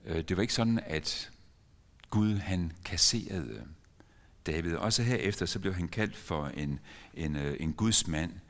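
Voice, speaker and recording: A man's voice: low voice, animated. An older man preaching a sermon as a pastor, telling a story earnestly with sudden emphatic rises in his voice. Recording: long church reverb.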